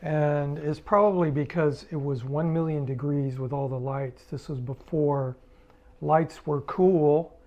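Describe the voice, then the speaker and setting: A man's voice: fairly high pitch, unhurried. Guy telling an old tour story, loose and rambly, kinda dull muffled sound. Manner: relaxed, rambling, acts out quoted exchanges. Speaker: musician telling tour stories. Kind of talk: casual storytelling monologue.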